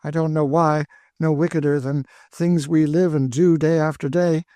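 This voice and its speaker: A man's voice: a little high, fairly even intonation, normal speed, warm tone, dry recording, pitched above the performer's own voice, lightly acted. A man voicing a weary, despairing woman who speaks with dry bitterness. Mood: bitter.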